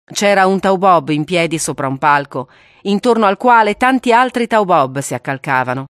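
Brief: a woman narrating an audiobook, lowish voice, steady and grave, dry close recording. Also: normal speed, dry recording.

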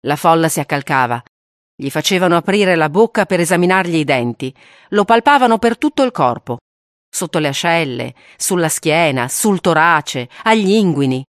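Brief: a woman narrating an audiobook, lowish voice, steady and grave, dry close recording. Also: moderate pace, no echo.

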